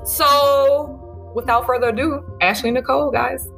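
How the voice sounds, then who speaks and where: A woman's voice: high voice, fairly even intonation, a little slow, gravelly, loud music behind the voice. A woman hosting a podcast in a casual, chatty, self-deprecating and wry way, talking into her laptop's built-in microphone on a video call. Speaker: host and author.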